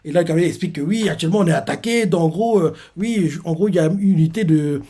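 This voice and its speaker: A man's voice: fairly high pitch, fast talker, dark tone, breathy edge. A man casually recapping a manga chapter in a rambling, loose way, leaning on filler phrases. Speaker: manga reviewer.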